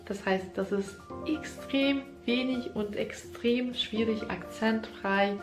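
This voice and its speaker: A young woman who isn't a native German speaker talks earnestly to the camera about her own experience as a German teacher. She speaks slowly in a fairly high voice, gesturing with her hands, and her phrasing is slightly non-native. In this casual head-and-shoulders shot, she sits in a small indoor room in front of the camera, with room echo and soft background music.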